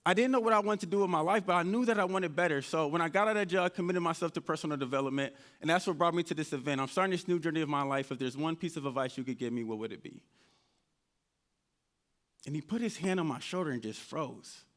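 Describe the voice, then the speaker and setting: A man's voice: a little high, fast talker, a bit bright. A man from Indianapolis giving a motivational talk at a live event, telling his life story and acting out his own past conversations. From United States (Indianapolis). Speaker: motivational speaker. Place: event stage before an audience.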